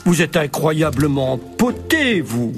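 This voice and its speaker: A man voicing a brisk, bossy old Mother Christmas who talks brusquely and impatiently. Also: a little high, very animated. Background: music.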